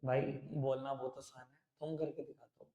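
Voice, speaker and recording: A man's voice: medium pitch, little pitch movement, moderate pace, dark tone. A man teaching accounts in a live classroom lecture, chatty and familiar with his students, mixing in English terms. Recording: echoey classroom.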